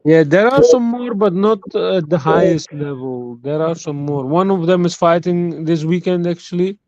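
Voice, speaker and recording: A man's voice: a little high, moderate pace, darkish tone, dry recording. A man from the Netherlands, a guest caller on a casual podcast, talking in a friendly, patient way as he lists boxing stats. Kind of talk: casual call-in chat. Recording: dry, dull lo-fi call audio.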